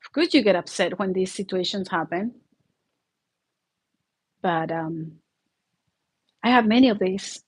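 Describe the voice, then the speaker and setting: Down with the flu and a sore throat, this Mexican woman with a Mexican Spanish accent runs her own YouTube channel and chats through a casual livestream monologue. Her mid-range voice is unhurried and breathy at the edges, with long pauses, and her earnest, heartfelt delivery keeps breaking into laughter mid-sentence.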